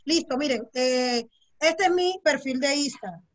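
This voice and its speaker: High-voiced woman hosting an online workshop. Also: measured pace. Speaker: host of a workshop. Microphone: video call.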